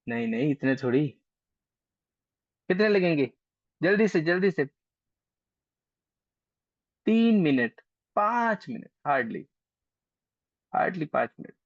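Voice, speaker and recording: A man's voice: fairly high pitch, very animated, measured pace, pauses often, dry recording. A man teaching an online astrology class in a casual, chatty way, coaxing and teasing his students, heard over a video call. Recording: dry, dull lo-fi call audio.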